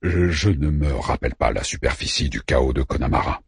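A man voicing a big, calm male robot in an audiobook, speaking slowly, low and measured. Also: vocal fry, breathy edge, dry recording, full character voice. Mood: calm, wry.

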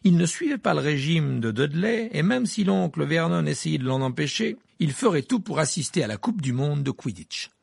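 Male audiobook narrator, expressive and animated, gravelly and husky, dry studio sound. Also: a little high, normal speed, few pauses, no echo. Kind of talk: scripted narration.

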